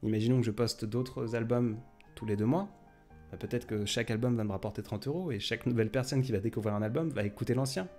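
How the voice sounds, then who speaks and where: A man's voice: medium pitch, quick pace, a little mellow, faint music behind. A man hosting a casual late-night live stream, chatting in a rambling way with many fillers and restarts.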